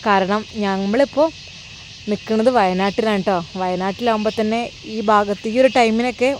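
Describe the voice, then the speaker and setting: A woman narrating a story in an earnest, gently dramatic way, outdoors in the evening. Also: mid-range voice, moderate pace, slight background noise. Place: outdoors in the evening in hilly countryside. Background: faint crickets and insects.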